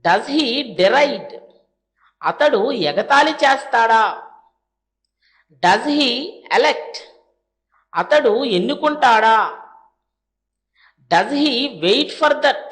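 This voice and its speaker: A woman with a Telugu accent teaching spoken English, reading each practice question very slowly and then translating it. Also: fairly high pitch, expressive. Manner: reads English sentences very slowly, then Telugu translations; brisk asides to "friends". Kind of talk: language lesson drilling sentences.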